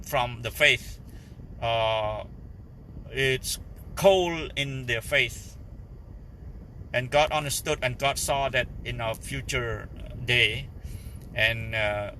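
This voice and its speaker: A man with a Cambodian Khmer accent, a native Khmer speaker, giving informal Bible teaching in halting English as he searches for words. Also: mid-range voice, sharp tone, a little hiss or hum, low-quality recording. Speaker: lay preacher.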